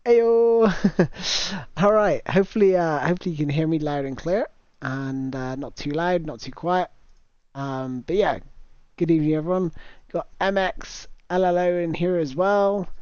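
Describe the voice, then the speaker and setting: A man hosts a casual game livestream on a new cheap microphone, chatting, reading out viewer comments and laughing easily. His fairly high voice is smooth and darkish at normal speed. The sound is dull, dry lo-fi with no echo.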